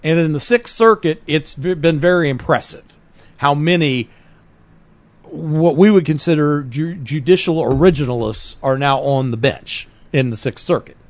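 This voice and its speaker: This is political talk-radio-style chat from a podcast co-host, a man whose voice sits a little high and moves at a moderate pace. He's earnest and emphatic, often stopping to fix what he's saying partway through. There's no room sound.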